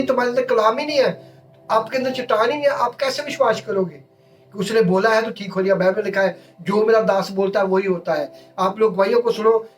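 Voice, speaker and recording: A man's voice: very high-pitched, far from the mic. A male pastor, preaching a sermon in emphatic, repeated short phrases.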